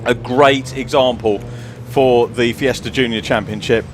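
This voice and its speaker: Co-commentator, man, conversational, excitable on replays, light music under. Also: medium pitch, measured pace. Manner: chatty, excited over replays. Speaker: race co-commentator. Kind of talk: motorsport commentary.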